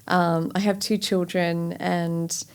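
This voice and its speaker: This middle-aged founder from Australia gives a candid, chatty, reflective interview, peppering her speech with "you know" and "like." Her lowish voice is clear and resonant, level in tone, and she speaks slowly.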